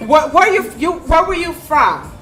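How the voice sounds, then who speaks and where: A woman's voice: high voice, lively intonation, unhurried, a bit bright, faint music behind. A woman radio host who interviews her guest in an enthusiastic, slangy, effusive way.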